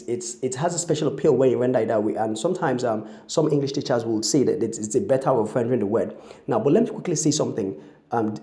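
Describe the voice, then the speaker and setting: A man's voice: mid-range voice, mellow, reverberant. A man teaching English pronunciation, carefully contrasting how words are said, with frequent ums. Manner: deliberate, contrasting word pronunciations with fillers. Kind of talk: pronunciation lesson.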